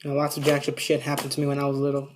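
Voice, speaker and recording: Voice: medium pitch, completely flat delivery, racing, slight background noise. A vlogger tells a story to a camera set up in front of them. The talk rambles, with many restarts and fillers. It swears freely in a loose, casual storytime style.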